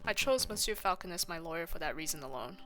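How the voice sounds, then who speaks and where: A smooth, courteous wolf investigator, put on by a woman reading game dialogue aloud, speaks in calm, measured lines. The tone stays bright and polished, with soft music underneath. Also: on the low side.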